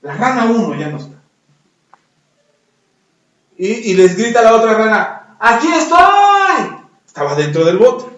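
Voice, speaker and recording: A man preaches and tells a story, hammering points home by repeating his phrases. His voice sits very high for a man. He sounds far from the mic in a strongly echoing space, with a dull, lo-fi tone. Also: animated, moderate pace, pauses often. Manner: repetitive, emphatic preaching. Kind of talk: sermon with storytelling. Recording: roomy echo, distant, dull lo-fi.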